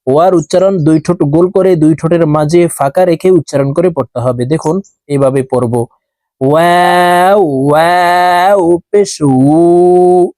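A man teaching Quran reading, chanting letters and syllables one by one in a drawn-out way, with brisk asides of explanation. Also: on the high side, dark tone, dry recording. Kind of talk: slow spelled-out recitation lesson.

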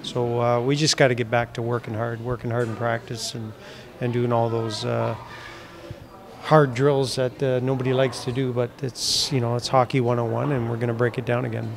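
A man's voice: mid-range voice, flat delivery, moderate pace, creaky. Blunt hockey coach, middle-aged man. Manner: blunt, plain-spoken, frequent fillers. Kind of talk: postgame press interview. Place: indoor press backdrop. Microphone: handheld mic held near the chin.

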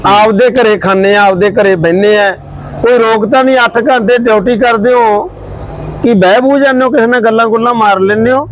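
A man's voice: high-pitched, fairly even intonation, a little fast, a little hiss or hum, low-quality recording. A man acting in a village comedy skit, speaking politely and earnestly as a farmer. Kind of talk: scripted rural skit dialogue.

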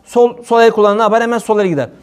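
A man hosting an informal religious talk, joking and lively, slipping into playful quoted voices. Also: high-pitched, rapid-fire.

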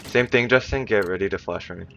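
A man with a fairly low voice plays a team shooter. He makes clipped, repeated callouts in casual chat, with noise, gunfire and clicks clearly behind him. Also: quick pace. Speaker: competitive shooter player.

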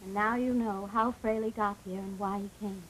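A woman's voice: medium pitch, fairly even intonation, normal speed, close to an everyday voice. An actress playing an anxious, tender mother in a 1930s melodrama, emotional and pleading. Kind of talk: 1930s melodramatic film acting. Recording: noisy 1930s film soundtrack.

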